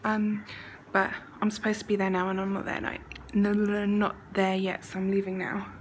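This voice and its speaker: A woman's voice: mid-range voice, completely flat delivery, normal speed, a little hiss or hum, low-quality recording. Chatty young woman vlogging. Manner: chatty, often breathless and half-whispered asides. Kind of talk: casual travel vlog.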